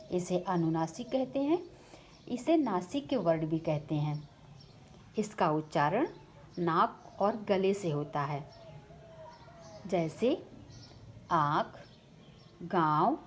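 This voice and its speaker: A woman teaching a Hindi grammar lesson, speaking slowly and deliberately, repeating each definition and lifting her voice on headings and questions. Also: slight background noise. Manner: lifts pitch on headings and questions. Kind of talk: slide-based grammar lesson.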